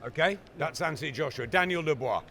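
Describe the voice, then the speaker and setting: Male radio host, voice a touch high, casual interviewing with brisk short prompts. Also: lively intonation, fairly bright tone.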